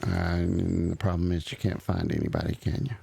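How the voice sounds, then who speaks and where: Low gravelly halting man. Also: level tone, warm tone, slight background noise. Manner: halting, full of uh and um. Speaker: roleplay streamer playing an old relative. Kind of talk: in-character roleplay chat.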